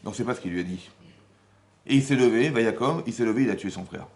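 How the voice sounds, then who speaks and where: A man giving a lively Torah class as rabbi, asking the room rhetorical questions and acting out the dialogue he explains. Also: mid-range voice, fast talker. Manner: animated, acts out quoted dialogue, rhetorical questions. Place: Paris community hall.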